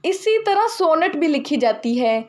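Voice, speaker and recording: A young woman teaching literature in a steady lecture, explaining each term twice in simpler words. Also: high voice, measured pace.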